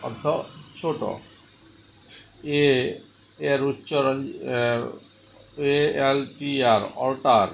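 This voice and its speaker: A man gives a pronunciation lesson, spelling each word letter by letter and saying it again. He speaks very slowly in a gravelly, creaky voice. A faint noise sits under the recording. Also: mid-range voice, steady tone, low-quality recording. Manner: slow, spells words letter by letter and repeats them. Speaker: English teacher.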